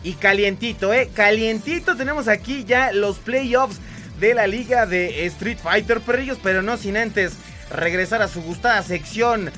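A man hosts a casual gaming show in a high, bright voice. He is playful and slangy, calling out to the audience with pet nicknames. Faint music sits under him. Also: a little slow. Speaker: co-host. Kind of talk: casual gaming commentary chat.

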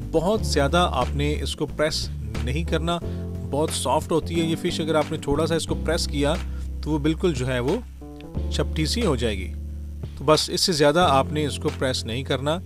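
Guy chef doing a recipe voiceover, friendly step by step, kinda high voice, guitar music behind. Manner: friendly, step-by-step, keeps saying "perfect". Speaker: cooking show host, chef. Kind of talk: voice-over recipe instruction.

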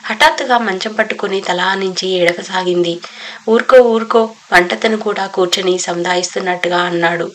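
A woman narrating a novel as an audiobook, with steady, even storytelling. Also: lowish voice, fairly quick, low-quality recording.

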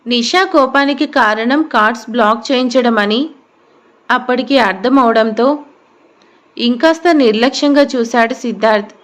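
Woman narrator, expressive storytelling, slightly high voice. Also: moderate pace.

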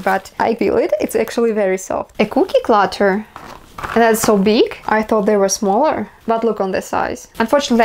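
Unboxing a haul indoors in her small bedroom, a young woman from Russia talks casually in a Russian accent and marvels at every item as a vlogger. Her voice is a little high, and there's slight hiss or hum in the background.

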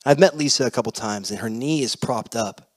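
Animated, storytelling male preacher. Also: medium pitch, brisk. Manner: animated, shifting loud and soft. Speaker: pastor. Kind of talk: storytelling sermon.

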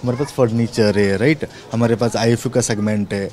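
A man's voice: lowish voice, brisk. A man in his thirties, an area sales manager, answering interview questions in a children's clothing store, speaking into handheld mics held close and often adding "right". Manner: talks in a relaxed way, tags many phrases with "right" and "okay". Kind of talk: on-camera interview. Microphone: handheld reporters' mics held close.

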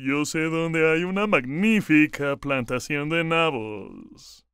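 A man's voice: a little high, slow pace, fairly bright tone, smooth, no echo, clean studio sound, voice pushed up. A man voicing a sly, hungry wolf who drags out his words and chuckles while scheming.

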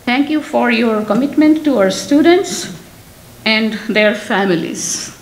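A woman's voice: on the high side, expressive, slow pace, reverberant, background noise. A woman acting as emcee at a graduation ceremony, formally announcing names and titles. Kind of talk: formal introductions. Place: ceremony hall.

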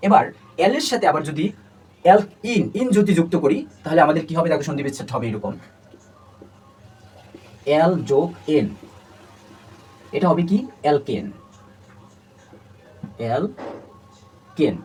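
A man's voice: a little high, expressive, moderate pace, long pauses, a little mellow. A man teaching a chemistry lesson. He talks to his students, asks them questions and drills terms by repeating them over and over. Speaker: chemistry tutor. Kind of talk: classroom lecture. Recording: distant mic with faint background noise.

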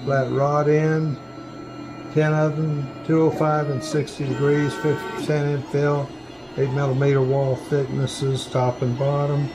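A man running a 3D print farm, talking slowly and plainly step by step while he works in a workshop full of printers. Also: on the high side, flat delivery, background noise. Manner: slow, plain step-by-step explaining while working. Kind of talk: hands-on workshop demonstration.

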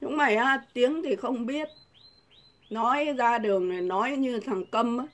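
A woman's voice: fairly high pitch, moderate pace, a bit bright. Scornful middle-aged woman on a rant. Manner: combative, insulting, scornful; repeated rhetorical questions. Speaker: vlogger. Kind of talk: angry political rant to camera.

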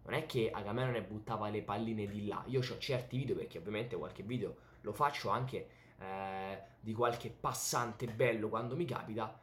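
A young man with an Italian accent giving an excited, emphatic, casual sports recap to camera in a home room. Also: lowish voice, normal speed, hardly any pauses, slight background noise. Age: young adult. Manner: excited, animated, emphatic with repeated words. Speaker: YouTube tennis commentator and host. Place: small home bedroom, indoors. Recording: roomy, echoey home room.

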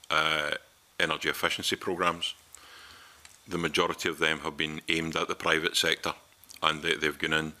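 A man's voice: rumbling low, bright, forceful tone. A middle-aged man with a Scottish accent giving earnest, persuasive evidence to a parliamentary committee from a desk microphone in a large committee room. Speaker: committee witness.

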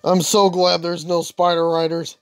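This time his fairly high voice stays completely flat at a normal pace, the tone clean and the recording dry. Still the young let's-play host, he chats and complains to himself over his gameplay.

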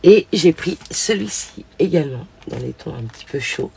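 Older female craft vlogger with a hoarse, gravelly voice and a chatty, gushing manner, recorded at home with a noisy track and clicks. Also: low-pitched, animated, normal speed. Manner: chatty, gushing, frequent fillers. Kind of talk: casual show-and-tell haul.

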